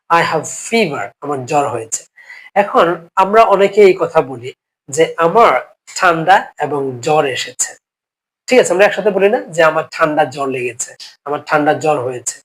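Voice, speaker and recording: Male teacher with a cough, slightly high. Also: fairly bright tone, low-quality recording. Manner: explains step by step with many check-ins, repeating each phrase. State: sick with a cough. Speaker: English teacher. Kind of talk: spoken English lesson.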